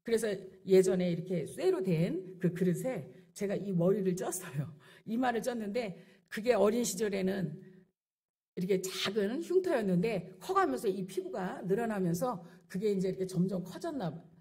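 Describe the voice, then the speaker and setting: A woman's voice: medium pitch, very animated, moderate pace, mellow, breathy edge. A middle-aged woman pastor preaching a sermon with rising passion, acting out the people she quotes. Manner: impassioned preaching with acted-out quotes.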